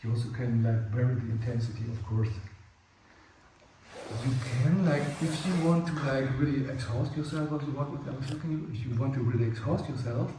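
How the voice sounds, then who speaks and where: In a big mat-filled indoor room, a native German-speaking man leading a playfight workshop gives a loose, rambling spoken rundown of the rules, full of fillers and small acted-out scenes. He speaks briskly in a mid-range voice. The audio is distant and heavily echoey, with faint noise.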